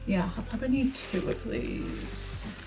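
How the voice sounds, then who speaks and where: A woman's voice: a little high, a little slow, over loud music. A woman chatting informally and self-deprecatingly to camera as a running vlogger. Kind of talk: casual chat to camera.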